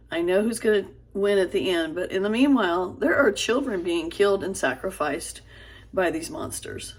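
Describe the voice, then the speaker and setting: Halting, husky-voiced woman vlogger. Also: lowish voice. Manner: halting, trips over her words with fillers and restarts; earnest, pleading. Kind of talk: casual talk to camera.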